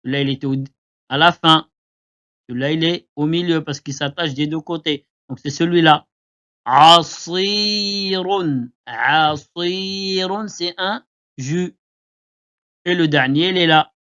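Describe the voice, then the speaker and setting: A man teaching Arabic letters to beginners, repeating each word slowly for learners to copy. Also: a little high, steady tone, fairly bright tone. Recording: dull lo-fi recording.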